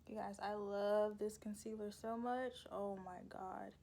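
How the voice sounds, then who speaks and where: A woman's voice: mid-range voice, steady tone, a little slow, dark tone. A young woman, chatting casually through a makeup tutorial, rambling and laughing at her own slips. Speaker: beauty vlogger.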